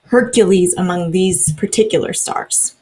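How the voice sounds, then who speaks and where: A woman's voice: on the low side, unhurried, mellow. A young adult woman co-hosting a podcast in casual chat, chatty, often laughing, with plenty of ums and likes. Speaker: podcast co-host.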